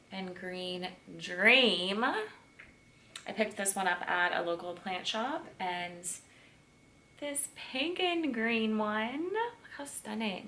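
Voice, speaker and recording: A woman's voice: medium pitch, a bit bright. Chatty woman gushing from across a room. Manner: chatty and gushing, with many fillers. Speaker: plant vlogger. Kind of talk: casual home tour chat. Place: room in her home, indoors. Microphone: camera mic across the room. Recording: roomy and distant with faint ambient noise.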